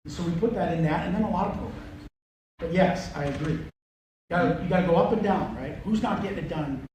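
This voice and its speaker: A man's voice: a little high, brisk, a little mellow. A man speaking as an athletic director in a candid team meeting, blunt, profane and emphatic, in an unscripted way. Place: indoor meeting room, far from mic. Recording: echoey room, distant noisy covert-sounding audio.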